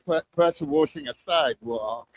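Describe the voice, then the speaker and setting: An older man performs stand-up in a fairly high-pitched voice. A strong lisp gives his s sounds a wet whistle. He delivers crude, self-deprecating jokes to a live show. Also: moderate pace, lo-fi sound, slight background noise. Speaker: stand-up comic. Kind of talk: stand-up comedy. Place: live comedy open mic show.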